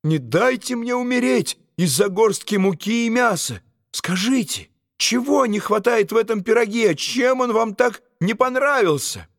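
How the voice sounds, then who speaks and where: A man's voice: high voice, animated, unhurried, vocal fry, no room sound, studio quality, pitched above the performer's own voice, exaggerated voice. A man doing a begging dwarf cook. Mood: pleading. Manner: pleading, begging. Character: frightened pleading male dwarf cook.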